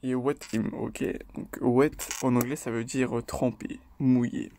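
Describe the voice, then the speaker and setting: A man with a gravelly, creaky voice at an ordinary middle pitch, explaining things in a relaxed, slangy manner. He hesitates a lot and swears offhandedly. A faint hiss of noise sits under his voice. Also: unhurried. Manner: loose and chatty, tags lines with "ok?" and "voilà"; hesitant, with frequent fillers and restarts. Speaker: video host analysing rap lyrics. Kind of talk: casual spoken commentary.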